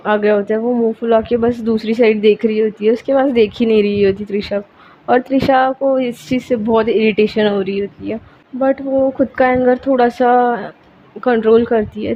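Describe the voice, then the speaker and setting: A woman narrating a romance story in a casual, chatty way, linking events with "so then", on a dull, lo-fi recording with faint hiss. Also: on the high side.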